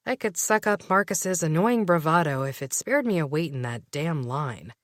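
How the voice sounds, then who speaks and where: A woman narrating a first-person audiobook in a wry, expressive storytelling manner. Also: low voice, normal speed, dry recording, clean studio sound.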